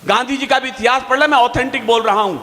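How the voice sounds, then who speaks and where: Male poet on stage, high-pitched and sharply forceful, declaiming emphatic verse in a reverberant hall. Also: fast. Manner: fiery, emphatic, stretches key lines. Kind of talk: declamatory poetry recitation. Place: stage at a poetry gathering.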